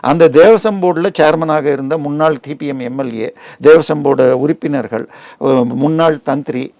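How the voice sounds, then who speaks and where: This man's voice is on the high side, yet gravelly and darkish in tone, recorded without echo. Speaking with a Tamil Nadu accent, he gives explanatory news-interview commentary that drifts into digressions and leans on comparisons and numbers.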